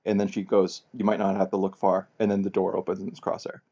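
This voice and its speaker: Podcast co-host, man, gravelly and husky, dull lo-fi mic. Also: deep voice, completely flat delivery, quick pace, warm tone. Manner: laughs easily, self-deprecating. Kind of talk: casual chat.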